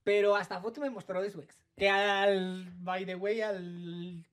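A woman tells a story in casual conversation. She is animated and theatrical, singing little sound effects as she goes. Her voice sits at an ordinary middle pitch. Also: measured pace. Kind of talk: casual chat.

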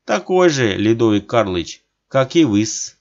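A stout, merry workman, as a male narrator voices him, deferential yet stubborn, puffing and rasping through chattering stutters. His voice jumps well above the narration and pushes loud. The audiobook recording sounds dull and lo-fi. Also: a little high, sing-song, slow pace, voice pushed up, full character voice. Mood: laughing. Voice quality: hoarse, puffing, stuttering from cold.

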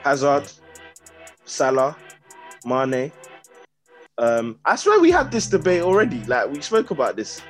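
A man's voice: fairly high pitch, wildly swooping pitch, a little slow, pauses often, fairly bright tone, faint music behind. A young man with a London roadman accent, hosting a casual football podcast in slangy, repetitive banter. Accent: London roadman, urban British slang. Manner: slangy, repeats phrases for emphasis. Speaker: podcast host.

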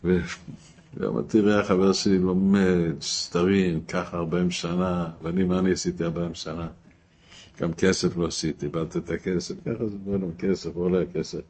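A man with a very low voice delivers a Torah lesson built on stories. He keeps asking his listeners rhetorical questions. His level swings between quiet, low asides and loud cries. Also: flat delivery. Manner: storytelling, rises to shouting at emotional peaks; asks rhetorical questions, drops to a low murmur. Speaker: rabbi teaching Torah.

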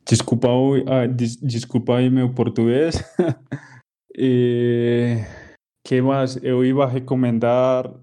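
A man with a very dark, mellow voice and little pitch movement speaks as a podcast guest. His Colombian Spanish accent is clear, and he often gropes for words, mixing in Spanish. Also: level tone. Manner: halting, searching for words, slipping into Spanish. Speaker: interview guest. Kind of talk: casual podcast interview.

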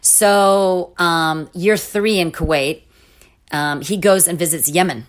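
A middle-aged woman telling a personal story in a casual interview, animated, with restarts and laughing asides. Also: lowish voice, slow. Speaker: interview guest.

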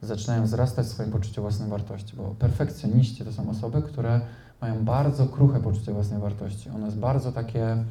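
Deep-voiced man lecturing in a roomy hall. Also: steady tone, fairly quick, mellow. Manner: explanatory, many hesitation fillers and "nie?" tag questions. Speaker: psychotherapist giving a lecture. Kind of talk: live lecture to an audience. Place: room with a live audience.

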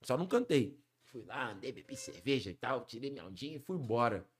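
A man, a funk singer telling a story as a podcast guest, slangy and animated, acting out the voices of the people in it. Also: medium pitch, fairly quick. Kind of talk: storytelling in a casual podcast chat.

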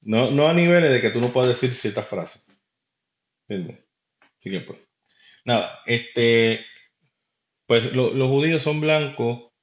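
A man's voice: mid-range voice, measured pace, pauses often. A man from Puerto Rico with a Puerto Rican Spanish accent, hosting a podcast and giving his opinions in a rambling, conversational way that speaks straight to the listener. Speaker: podcast host. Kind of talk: casual opinion monologue. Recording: roomy, dull lo-fi recording.

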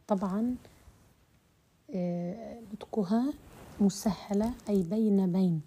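Dark-toned husky woman teaching recitation. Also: medium pitch. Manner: explains slowly with many hesitations, drawing out example words. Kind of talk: voice-message lesson on recitation terms.

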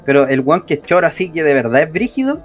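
A Chilean podcast co-host who rambles in slang, his voice sitting slightly high. Faint music plays in the background. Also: big pitch swings, quick pace. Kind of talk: casual chat.

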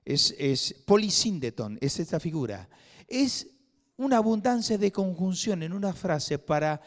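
A man preaching a sermon in a church, swinging from loud emphatic bursts to hushed asides. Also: on the high side. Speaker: pastor. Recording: long hall reverb.

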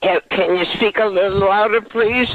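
Man putting on a creaky, high-pitched old lady. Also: fairly even intonation, dry recording. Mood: confused. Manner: repetitive, halting, muddled questioning. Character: confused, hard-of-hearing old lady on the phone. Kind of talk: prank phone call. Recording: tinny, narrow phone line.

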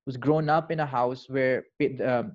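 Male, Pakistani accent, medium pitch. Thoughtful, code-switching podcast storyteller with halting phrasing, recorded a little lo-fi. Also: steady tone. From Lahore, Pakistan. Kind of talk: reflective conversational storytelling.

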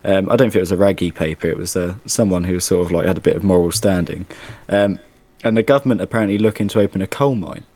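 A man in casual chat, talking in an animated, exasperated rant with plenty of asides. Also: low-pitched, quick pace, hardly any pauses, slightly rough, no room sound.

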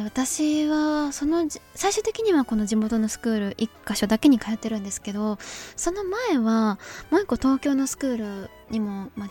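A young woman hosting a solo talk show, chatting earnestly and softly with many fillers. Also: fairly high pitch. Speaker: podcast host.

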